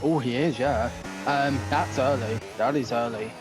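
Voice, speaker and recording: A man's voice: medium pitch, unhurried, music in the background. A man giving conversational motorsport commentary on a sim race as the analyst, reasoning through tactics.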